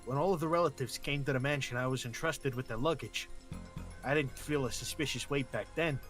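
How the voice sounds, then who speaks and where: A man's voice: medium pitch, a little fast, a bit bright, soft background music, close to an everyday voice. A man voicing an earnest young man reasoning through a mystery in an amateur visual novel read.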